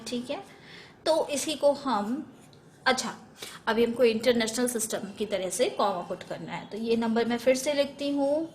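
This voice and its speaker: A woman teaches a school math lesson in a slow, deliberate way, stopping to correct herself as she goes. Her voice sits a little high. A faint hiss of noise runs under the recording. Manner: slow, step-by-step, self-correcting, mixes English number words.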